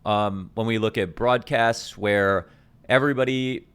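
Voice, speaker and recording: A man's voice: on the low side, fairly even intonation, unhurried, fairly bright tone, clear, resonant tone. A man who coaches esports, chatting casually and enthusiastically to his channel's viewers, rambling and correcting himself as he goes. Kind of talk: casual talk to camera.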